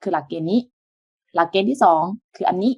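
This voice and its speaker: A woman teaching an online language lesson, explaining step by step in a patient way with soft, polite sentence endings. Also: mid-range voice, animated, fast, husky, no echo, dull audio.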